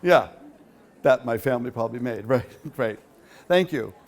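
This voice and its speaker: A man's voice: mid-range voice, lively intonation, moderate pace. A man giving a rambling, chatty talk at a quilt show and taking questions from the audience, with many fillers. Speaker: featured speaker at a quilt show. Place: hall.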